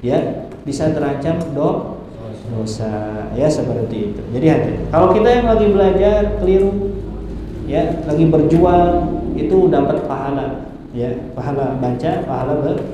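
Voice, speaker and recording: Male recitation teacher, high mellow voice, slow chanted demonstrations, distant mic in a reverberant hall. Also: lo-fi sound. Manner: models recitation in slow drawn-out chanting, then explains. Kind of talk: teaching tajwid pronunciation. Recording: echoey hall, mic far off, faint hiss.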